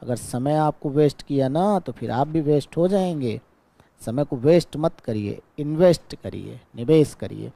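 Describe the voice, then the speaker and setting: Patiently teaching an exam-prep grammar lesson, this male instructor has a somewhat high, creaky voice with a warm tone, recorded with no echo. He repeatedly checks in with the class and slows his English example sentences way down.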